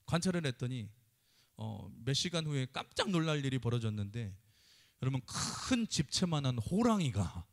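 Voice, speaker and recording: A man with a fairly high voice preaches in a church, telling a parable with lively, acted-out dialogue. He addresses the congregation directly as he builds toward his point. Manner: animated, acts out dialogue in the story. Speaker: pastor. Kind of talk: sermon with storytelling. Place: church sanctuary.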